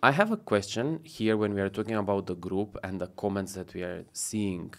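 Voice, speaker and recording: A man in his thirties hosting a casual podcast interview, upbeat and quick to laugh, with small grammar slips, recorded on a desk boom mic in a studio. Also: fairly bright tone. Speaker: podcast host. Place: studio set with blue walls and a wooden table. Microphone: desk podcast mic on boom arm.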